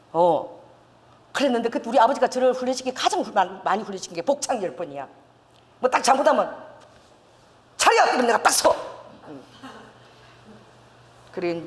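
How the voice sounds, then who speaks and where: An older woman pastor telling a lively testimony in a sermon, laughing and acting out quotes. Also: mid-range voice, big-room sound. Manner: storytelling with laughs and acted quotes. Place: church sanctuary.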